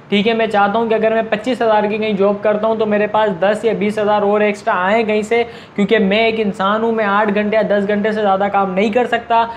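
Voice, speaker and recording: A man's voice: sits high, dull audio, slight background noise. A man with a Pakistani Urdu accent arguing a point in a casual video monologue, asking questions and answering them himself. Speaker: video commentator. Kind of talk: argumentative monologue.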